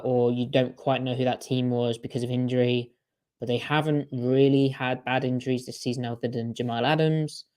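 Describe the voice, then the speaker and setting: A man's voice: mid-range voice, darkish tone. A man co-hosting a podcast in casual sports chat, talking in a chatty way with strings of rhetorical questions. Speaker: podcast co-host.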